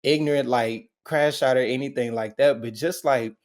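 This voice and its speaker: A man's voice: medium pitch, moderate pace. A young man with a Southern American accent, a guest talking earnestly and casually in an interview. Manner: earnest, relaxed, with many fillers. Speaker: guest athlete.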